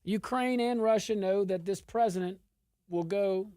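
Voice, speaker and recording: A woman's voice: medium pitch, a little slow, dark tone, dry recording. A woman with an Arkansas Southern accent giving informal political commentary, emphatic and repeating phrases for stress.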